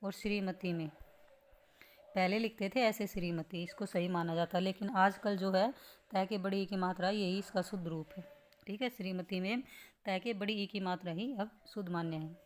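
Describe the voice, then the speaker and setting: A woman's voice: mid-range voice, fairly even intonation, normal speed, a little hiss or hum. A woman teaching a grammar lesson on correct spelling, explaining patiently step by step and asking rhetorical questions as she goes. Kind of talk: spelling lesson for exam students.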